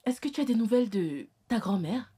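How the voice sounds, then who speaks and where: A woman's voice: fairly high pitch, lively intonation, brisk, breathy edge. An actress in a French film dub playing a caring older aunt figure who soothes and advises a young mother. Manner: soothing, repeats reassurances softly.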